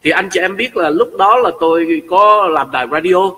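Man, high bright voice, excitable storyteller, picked up from a distance. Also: normal speed. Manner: excitable, acts out shouting quotes. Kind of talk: animated personal storytelling.

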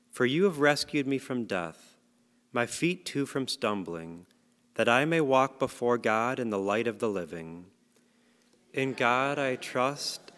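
A male lector reads scripture and leads a psalm at an unhurried, solemn pace. His voice has a middling pitch for a man. A cathedral echo follows each phrase, a long reverb rolling through the large church. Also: fairly bright tone. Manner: measured, solemn reading. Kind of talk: liturgical reading and psalm.

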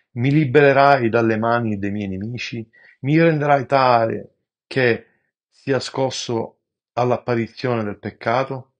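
A man with a lowish voice reads scripture aloud. His delivery is slow, measured and devout, an amateur reader who now and then stumbles and restarts a word. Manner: slow, measured, reverent reading with occasional stumbles. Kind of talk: devotional scripture reading.

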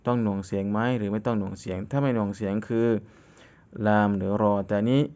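A man with a low, smooth, resonant voice leads a recitation lesson. He speaks in a level, even tone, reciting each phrase and then breaking it down patiently. The audio is slightly dull and lo-fi. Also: fast. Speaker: Quran reading teacher.

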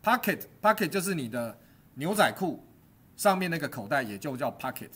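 A man's voice: medium pitch, sing-song, normal speed, a bit bright, breathy edge. A middle-aged man teaching a stagecraft class, quizzing his students, cracking jokes and dropping English terms into the lecture.

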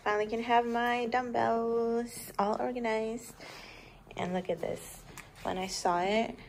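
This home fitness vlogger, a young woman, chats to viewers about a product in an easygoing, upbeat review filmed in her bright living room. Her voice sits on the high side, steady and a little slow with vocal fry, over slight background noise.

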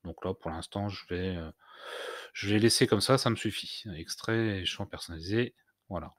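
Male tutorial host, low-pitched, halting delivery with fillers, dry close-miked sound. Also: no echo. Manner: hesitant, many "heu" fillers and restarts. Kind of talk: screen-recorded software tutorial.

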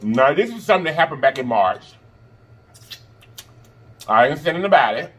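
A man with a husky voice, chatting casually and emphatically as he eats crunchy fried chicken, often pausing and humming between bites. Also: a little high, big pitch swings, a bit bright. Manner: eating crunchy fried chicken while talking, with pauses and mm-hums; sassy, emphatic, repeats phrases for emphasis. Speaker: mukbang host. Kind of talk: casual chat while eating. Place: indoors in front of a green backdrop at a table of food.

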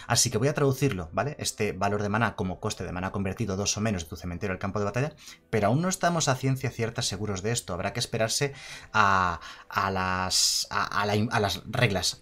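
A man talking casually through card previews, chatty and quick to correct himself. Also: on the low side, fairly bright tone. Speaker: card game youtuber. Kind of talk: casual card-review commentary.

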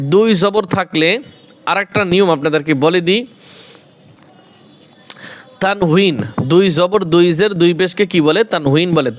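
Man teaching quran reading, high voice, slow, asks then answers himself, kinda muffled lo-fi audio. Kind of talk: spoken lesson with drawn-out recited examples.

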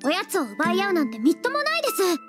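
A woman's voice: extremely high pitch, very animated, rapid-fire. A woman voicing a polite, cheerful teenage girl in anime preview dialogue. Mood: chirpy. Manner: sweet and polite. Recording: anime clip played under loud music.

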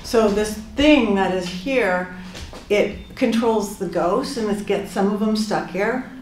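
A woman's voice: mid-range voice, takes it slowly, a little mellow, distant mic, a little hiss or hum. An older woman speaking casually as a spiritual medium during a ghost hunt in a small room. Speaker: spiritual medium and witch guest. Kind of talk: casual explanation during a ghost-hunting séance. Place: small bare indoor hotel room. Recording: echoey room, off-mic, music underneath.

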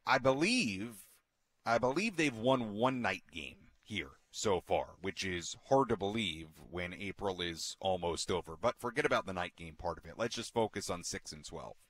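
A man's voice: deep voice, animated, normal speed, fairly bright tone, no room sound. A man in his thirties hosting a postgame radio show from a ballpark booth, talking earnestly and emphatically on a headset mic, with many fillers and repeated words. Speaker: radio sports host. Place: broadcast booth inside a ballpark.

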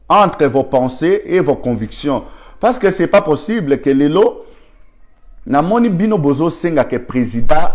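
A man's voice: mid-range voice, a little mellow. A man with a Congolese accent gives an argumentative political commentary, firing rhetorical questions and thanking viewers by name.

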